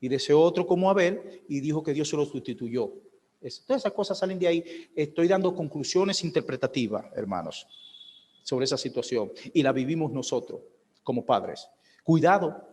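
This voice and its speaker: A man's voice: a little high, darkish tone. Man preaching in a reverberant church hall. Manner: preaching with rhetorical questions, acting out a baby's and a mother's voices. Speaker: pastor. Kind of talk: sermon.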